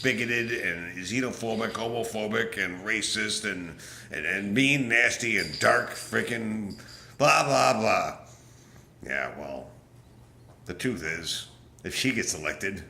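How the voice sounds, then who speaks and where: Gravelly, profane male ranter. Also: fairly low pitch, pushed and bright, reverberant, slight background noise. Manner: angry, profane, rambling with restarts. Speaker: political vlogger. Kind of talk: casual rant to camera.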